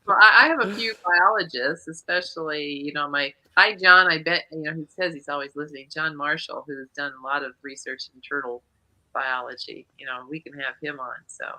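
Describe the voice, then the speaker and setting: A woman's voice: sits low, steady tone, a little fast, pushed and bright. A woman in her sixties, a guest chatting casually, rambling and laughing often. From eastern South Dakota. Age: 60s. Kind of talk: casual chat.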